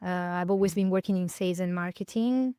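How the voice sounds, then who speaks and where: A podcast guest in her fifties from near Milan in northern Italy speaks English with an Italian accent in a reflective conversational interview, searching for words with many fillers and self-corrections. Her smooth, resonant voice leans low with a dark tone, and she talks a little fast. The recording is close and dry.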